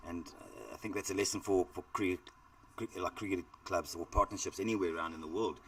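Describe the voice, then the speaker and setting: A middle-aged South African man commentates live cricket, chatty and rambling, with plenty of fillers. His voice sits very low. He is picked up from a little way back from the microphone. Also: lively intonation, fairly quick, fairly bright tone, recorded from a distance.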